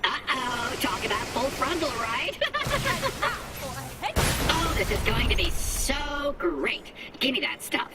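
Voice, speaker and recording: A chirpy robot turret. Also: female voice, high-pitched, very animated, slow, long pauses, heavily acted. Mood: playful. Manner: eager, chatty, apologetic. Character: cheerful female robot memory with a deadly turret. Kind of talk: video game dialogue. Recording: distant voice under loud game music.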